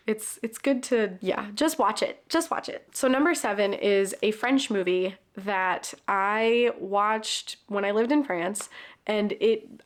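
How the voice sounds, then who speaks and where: A woman talking casually about favorite stories, chatty and loose, swearing now and then and acting out quotes. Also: medium pitch. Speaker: book and film reviewer. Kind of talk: casual recommendation talk.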